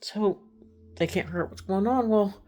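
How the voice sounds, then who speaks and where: A woman from Texas casually retelling a true crime case, chatty, acting out the people she quotes and dropping to hushed tones. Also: medium pitch, normal speed.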